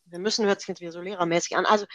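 A woman's voice: fairly low pitch, steady tone, rapid-fire. A middle-aged woman coach explaining self-coaching exercises step by step in an interview, in a practical, example-driven way.

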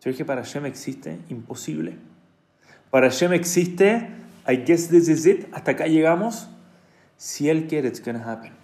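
A man giving a storytelling sermon, switching into English phrases now and then and acting out the people he quotes, with a gravelly voice. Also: fairly high pitch, lively intonation, moderate pace, a little mellow. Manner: mixes in English phrases, acts out quoted speech.

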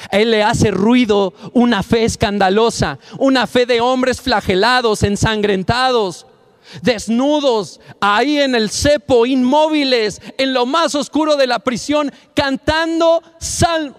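High-voiced, fervent male preacher. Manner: passionate, rising to near-shouts on key phrases; speaks directly to the listener. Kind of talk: sermon.

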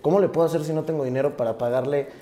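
Young Mexican man with a mellow voice. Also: a little high, racing. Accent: Mexican Spanish. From Tabasco, Mexico. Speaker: guest, rapper. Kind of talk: casual interview storytelling.

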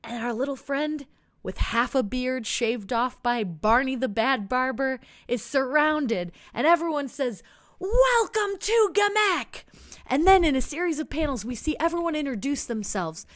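A woman narrating a playful picture story in an animated, storytelling way. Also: high voice, moderate pace, no echo, studio quality. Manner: animated, making up a story as she describes pictures. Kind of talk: playful read-aloud storytelling.

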